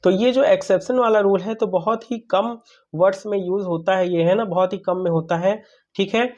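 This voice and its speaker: High-voiced male grammar teacher. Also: steady tone, moderate pace, darkish tone, highs cut off. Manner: repeats questions to the class and answers them, addresses listeners as brother. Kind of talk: classroom-style grammar lesson.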